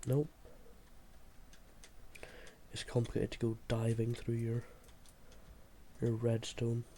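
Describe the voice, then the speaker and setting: In a slow, mellow, mid-range monotone, a sickly-sounding video creator thinks aloud through his game build, giving a casual and tentative tutorial. The clip carries clear background noise and the sound of mouse and keyboard clicks.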